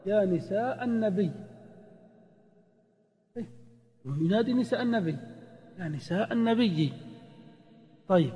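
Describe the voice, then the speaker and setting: A man, a sheikh, teaching a grammar lesson to students, reciting examples in a drawn-out sing-song and quizzing the class. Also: high voice, a little mellow. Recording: long-reverb lecture hall.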